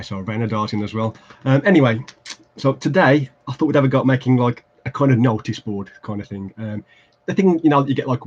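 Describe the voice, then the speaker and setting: A man with an English Midlands accent hosts a casual craft livestream while building tabletop terrain at his home desk indoors. His medium-pitched voice is a little mellow and husky, and the recording is muffled. He rambles and puts himself down, with lots of fillers and restarts as he works.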